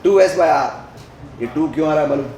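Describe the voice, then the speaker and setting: A male physics teacher lectures at a board, mixing Hindi with English terms and questioning the class as he works through each step. His voice sits on the high side with a darkish tone and moderate pace, captured in a low-quality recording in an echoey room.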